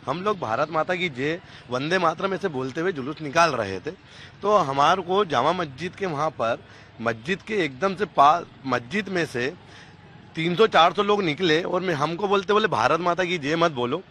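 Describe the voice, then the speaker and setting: A man's voice: a little high, normal speed, bright, forceful tone. A man who was injured at the rally gives an earnest, indignant account in a street interview. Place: busy street outdoors. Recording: faint street noise outdoors.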